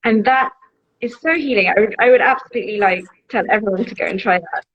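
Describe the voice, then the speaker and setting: A woman's voice: medium pitch, fast, slightly rough. A woman guest in a casual interview, talking in an enthusiastic, chatty way with plenty of fillers. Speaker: guest, bibliotherapy advocate. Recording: dull lo-fi sound with faint noise.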